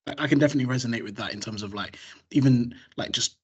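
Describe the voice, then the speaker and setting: Fast-talking, husky young man. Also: medium pitch, lo-fi sound. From Ghana. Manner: animated, fast, lots of "like". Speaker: discussion panelist. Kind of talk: casual group discussion.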